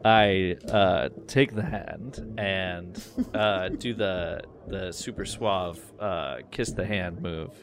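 A man's voice: deep voice, steady tone, takes it slowly, music in the background. A man playing a tabletop game, casually describing what his character does. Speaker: player.

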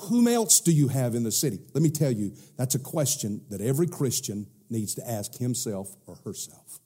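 Man, Southern US accent, preacher, raspy bright voice, emphatic sermon delivery, repeats key questions. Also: mid-range voice, very animated. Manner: emphatic, conversational, rhetorical questions, deliberate repetition.

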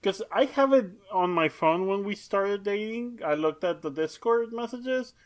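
A young adult woman co-hosts a podcast in easy, unscripted chat. She rambles, backs up and restarts her sentences, and fills the pauses with ums and uhs. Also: medium pitch, expressive. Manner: rambling, filler-heavy, self-interrupting. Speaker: podcast co-host. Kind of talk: casual chat.

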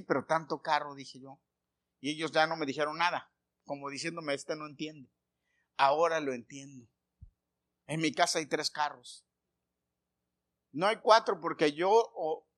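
A middle-aged man preaching a sermon, telling homely stories and firing questions at the congregation, swinging from loud calls to quiet asides. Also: a little high. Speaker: pastor.

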